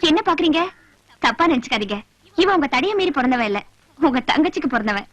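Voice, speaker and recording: An actress playing a witty, sharp-tongued wife who teases with sarcastic remarks, heard on a dry old film soundtrack. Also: female voice, sits high, lively intonation, quick pace, no echo. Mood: teasing. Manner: teasing, sarcastic. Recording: dry 1980s film soundtrack with faint music.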